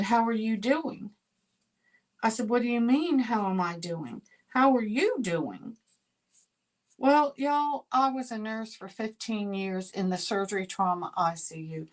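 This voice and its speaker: Slow-talking woman crafting. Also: medium pitch, fairly bright tone, slight background noise, poor audio. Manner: chatty, addresses viewers as y'all. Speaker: card-making livestream host. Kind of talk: casual crafting demo with storytelling.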